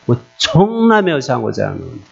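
A man preaching a personal testimony in an emotional, animated way, turning often to ask his listeners questions. His voice sits at an ordinary middle pitch. The recording is dull and lo-fi, with mains hum beneath it. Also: fast talker, gravelly.

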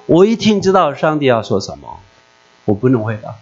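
A man preaching a personal testimony in an emotional, animated way, turning often to ask his listeners questions. His voice sits at an ordinary middle pitch. The recording is dull and lo-fi, with mains hum beneath it. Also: a little fast.

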